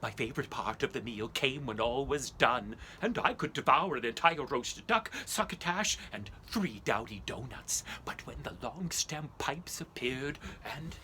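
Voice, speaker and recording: A man's voice: medium pitch, animated, unhurried, hardly any pauses, sharp tone, a little hiss or hum. An actor playing Ichabod Crane, a lean, vain, superstitious schoolmaster, telling his tale in a theatrical monologue with old-fashioned phrasing, sudden shrieks and whispers. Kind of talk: theatrical first-person storytelling monologue.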